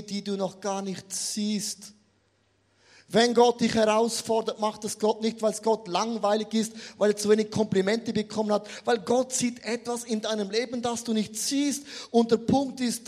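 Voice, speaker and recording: A man preaching a sermon, telling a humorous story and turning often to the congregation. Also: sits high. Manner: animated, humorous storytelling, addresses the audience directly.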